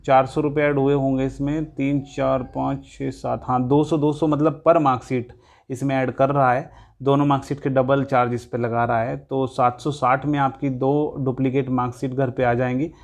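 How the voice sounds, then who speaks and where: A man talks students through an online form in a casual tutorial. He keeps a fairly level, even tone with little rise and fall, pausing to hesitate now and then. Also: medium pitch, gravelly. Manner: plain explanatory talk with hesitations, addresses students directly. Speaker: tutorial presenter. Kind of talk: casual screen-recorded walkthrough.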